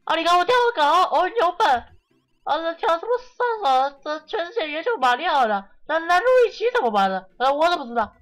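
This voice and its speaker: Shrill game townsperson, falsetto, sing-song, very high, swooping, faint music behind. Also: male voice, expressive, quick pace, a bit bright. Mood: excited.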